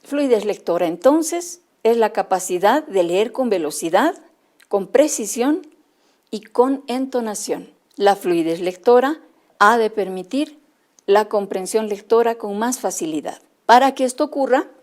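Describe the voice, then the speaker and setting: Female teacher trainer, Bolivian Spanish accent, warm low-toned voice, patient and methodical delivery. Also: expressive. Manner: spells out letters and sounds slowly, addresses teachers as usted. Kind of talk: instructional lecture for teachers.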